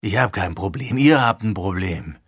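A cranky young man with a head cold, grumbling blunt remarks in a lowered voice. A male narrator puts him on. The sound is close and dry. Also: animated, moderate pace, a bit bright, breathy edge, no room sound, heavily acted. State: sniffly from a cold. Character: grumpy sniffling chilled young man.

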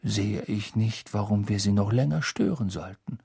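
A man reading an audiobook, voicing a calm, amused old male headmaster who speaks in measured tones. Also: lowish voice, gravelly, slightly rough, dry recording, studio quality, full character voice.

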